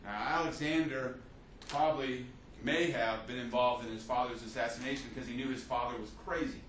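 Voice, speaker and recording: A history teacher delivers an unscripted classroom lecture in a loose, storytelling way, often using fillers and restarting. His medium-pitched voice is fairly even, a little fast, and a bit bright, with slight background noise. The echoey room is captured by a mic placed at a distance.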